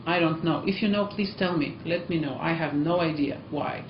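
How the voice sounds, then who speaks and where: A language school teacher from Eastern Europe, with an accent to match, chats encouragingly to learners in a casual vlog, full of ums and uhs. Her voice is low and her pace moderate, and the room sounds echoey and muffled with background noise.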